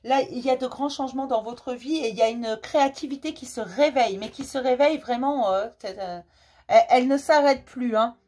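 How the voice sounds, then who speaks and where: A woman's voice: high-pitched, a little fast, a little mellow. A woman giving a casual tarot reading for the star signs. She chats fondly, laughs often and calls her viewers her darlings. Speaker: tarot reader. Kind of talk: casual horoscope card reading.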